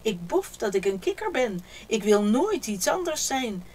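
A woman's voice: on the high side, very animated, measured pace, darkish tone, breathy edge, exaggerated voice. A woman voicing a small, cheerful male frog who asks wide-eyed questions in a storybook reading. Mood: happy.

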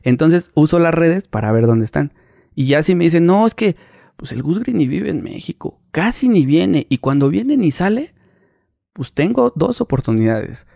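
Mexican man, thirties, gravelly voice, lively storyteller, dry close mic. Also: a little high, normal speed, no room sound. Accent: Mexican Spanish. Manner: animated, acts out quoted voices, laughs mid-story. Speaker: paparazzi guest. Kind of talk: casual interview storytelling.

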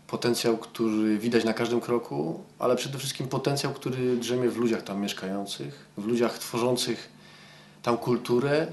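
Emphatic mid-pitched man, faint hum behind. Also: moderate pace, darkish tone. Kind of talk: interview comment.

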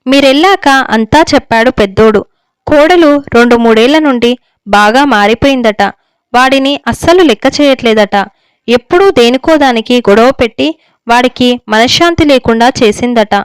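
A woman's voice: a little high, moderate pace, clear, resonant tone, no echo, close to an everyday voice. A woman reading the lines of an anxious older mother who pleads with her husband for her son. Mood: pleading. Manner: pleading, tearful. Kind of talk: story reading.

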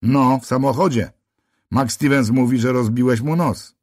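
A man's voice: mid-range voice, moderate pace, a little mellow, no room sound, clean studio sound, voice pushed up, natural voice. A man voicing a weary middle-aged cop. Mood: sardonic. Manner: tired, matter-of-fact, mildly sardonic. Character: weary heavyset male police officer near fifty. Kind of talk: audiobook character voice.

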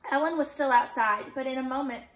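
A woman teacher reads a novel aloud in a steady, gentle storytelling manner, her voice a little high and fairly quick. A roomy echo fills the recording.

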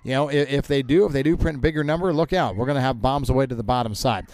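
A man's voice: medium pitch, fast talker, darkish tone, no echo. A man giving grain market commentary in a conversational, emphatic way, broadcasting from a county fair.

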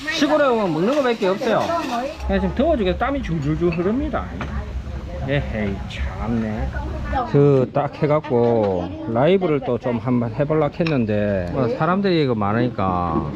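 A middle-aged man from South Korea narrates a casual vlog in a rambling, chatty way, often half to himself. His mid-pitched voice moves around animatedly. The sound is slightly dull, with busy crowd chatter behind him. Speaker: vlogger. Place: busy rural family home in Cambodia.

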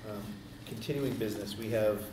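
A man chairing a school board meeting, halting and plain-spoken as he steers the discussion. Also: on the low side. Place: meeting room. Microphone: far room mic. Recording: echoey, distant, loud hiss.

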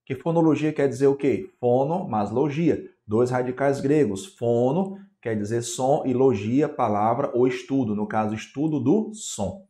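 Brazilian man, exam-prep teacher, warm mellow tone, lecturing, frequent tag questions. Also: mid-range voice, a little slow, few pauses. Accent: Brazilian Portuguese. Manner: asks questions in a student's voice and answers them himself, with frequent tag questions. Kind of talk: classroom grammar lecture.

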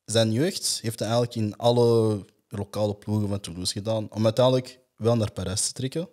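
A man, hosting a casual football podcast and reading player facts in a steady, matter-of-fact way. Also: lowish voice, brisk.

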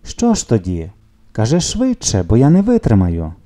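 A man voicing an eager young schoolboy who talks in quick, excited exclamations. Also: on the low side. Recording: soft music behind the reading.

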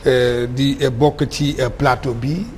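A man's voice: medium pitch, fairly even intonation, slow, a little mellow, big-room sound, a little hiss or hum. Hesitant man on a lapel mic. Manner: hesitant, full of fillers. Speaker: TV pundit. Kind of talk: casual talk-show banter. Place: TV studio set.

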